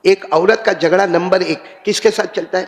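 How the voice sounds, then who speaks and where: High, gravelly older preacher in a hall. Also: male voice, fairly even intonation. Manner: storytelling preacher, addresses crowd directly. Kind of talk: sermon.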